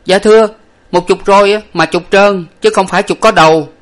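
A man's voice: high voice, normal speed, a bit bright, pitched above the performer's own voice. A man doing a whiny, pleading young servant. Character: timid cheeky young male servant.

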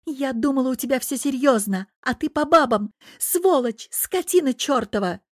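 A woman voicing a fiery, jealous young woman who hurls sharp, furious accusations at her lover. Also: on the high side, unhurried, no echo, clean studio sound, voice pushed up.

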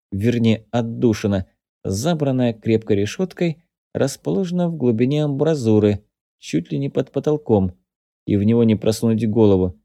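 A male audiobook narrator reading an adventure novel in a steady, measured voice. His tone is dark and mellow, and the recording is dry and close with no room sound. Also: medium pitch, vocal fry, no echo. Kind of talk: scripted narration.

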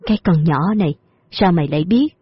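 A woman voicing a weary, heartbroken middle-aged father who speaks gruffly and slowly, in a dull lo-fi audio story with faint music behind. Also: fairly low pitch, dry recording, voice pushed down.

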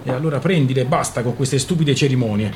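A man voicing a gruff, quick-tempered old father in a radio story reading, barking out scolding orders. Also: mid-range voice, animated, slight background noise, natural voice.

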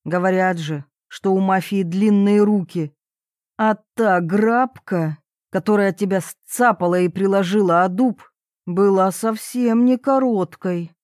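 A woman voicing the snarky, fanciful inner voice of a young woman in an audiobook, with quick sarcastic retorts. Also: medium pitch, a little mellow, no room sound, studio quality, lightly acted. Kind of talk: audiobook character reading.

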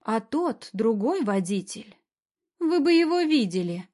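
A woman's voice: a little high, very animated, a little slow, darkish tone, voice pushed up. A woman voicing a sullen, defiant teenage girl who answers bluntly and suspiciously. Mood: pained. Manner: blunt, suspicious, talks back.

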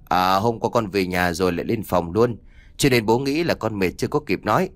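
A man's voice: fairly low pitch, a little fast, dry recording, natural voice. A man reading the lines of a cheerful, doting middle-aged father in an audiobook, talking in a chatty, fatherly way.

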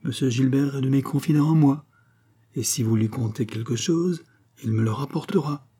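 A man's voice: medium pitch, moderate pace, dark tone, breathy edge, pitched above the performer's own voice, natural voice. A man reading a novel aloud, playing a stubborn, fretful king who talks in an insistent, peevish way.

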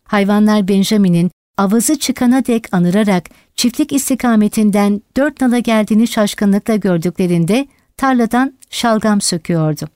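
A woman narrating an audiobook in a steady, dramatic reading style. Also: mid-range voice, no echo, clean studio sound. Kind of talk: scripted narration.

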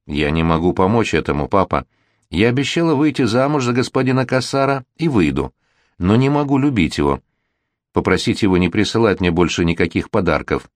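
A man's voice: lowish voice, big pitch swings, brisk, no echo. A man voicing an unhappy young woman who dreads her wedding, in a read-aloud storybook. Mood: gloomy. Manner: pleading, gloomy. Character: sad reluctant young bride-to-be, quiet.

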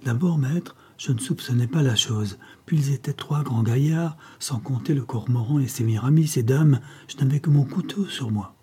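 A man's voice: medium pitch, normal speed, few pauses, a little mellow, husky. A man reading the part of a cold-blooded male henchman who answers his master in a subdued, deferential way.

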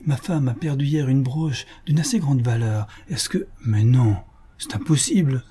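A man voicing a timid, flustered married gentleman who hesitates and stammers, in an audiobook reading. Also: medium pitch, animated, normal speed, slightly rough. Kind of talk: audiobook character voice.

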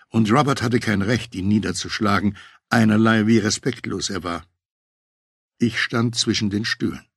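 Guy reading a memoir audiobook, low husky voice, dry close mic. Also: no room sound. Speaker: audiobook narrator.

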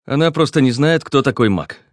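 A man's voice: mid-range voice, lively intonation, brisk, no room sound, clean studio sound, voice pushed up, natural voice. A man voicing a polite young male historian in an audiobook.

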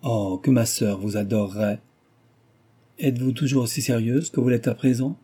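A man's voice: medium pitch, steady tone, normal speed, mellow, slightly rough, natural voice. A man reading aloud, voicing a frivolous, gossiping young aristocratic lady who talks flippantly and teases. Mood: flippant chatter. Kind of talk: audiobook character reading.

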